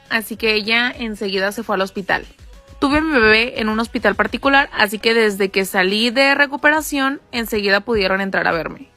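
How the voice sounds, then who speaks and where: A woman's voice: a little high, pushed and bright. A young woman narrating her own story in the first person, in a confiding, gossipy way.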